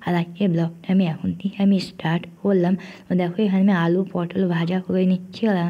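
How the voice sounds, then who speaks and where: Woman, hoarse voice from a cough, home cooking vlog narration, chatty and homely, dull lo-fi voice-over. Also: on the low side, flat delivery, fast talker. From India. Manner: homely chatty talk to friends, frequent fillers. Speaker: cooking vlogger.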